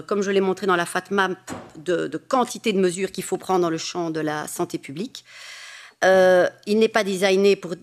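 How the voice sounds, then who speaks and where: A woman giving an expert seminar presentation, explaining her points with emphatic asides. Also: mid-range voice.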